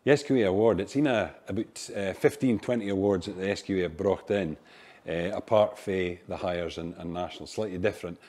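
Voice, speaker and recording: A man's voice: deep voice, a little fast, dark tone. A man with a North East Scottish Doric accent, a school teacher answering interview questions.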